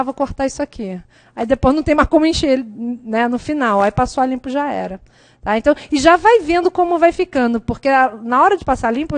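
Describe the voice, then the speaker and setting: Middle-aged Brazilian woman teacher, high voice, chatty lecture delivery, dry booth sound. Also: dry recording. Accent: Brazilian Portuguese. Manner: lively, chatty, often checks with "né?" and "tá?". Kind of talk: exam-prep lecture.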